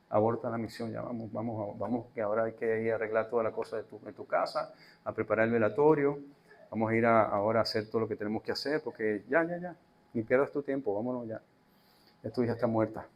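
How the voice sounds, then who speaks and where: A man voicing brusque servants who deliver bad news in a blunt, casual, hurried way during a sermon. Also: on the low side, pitched below the performer's own voice.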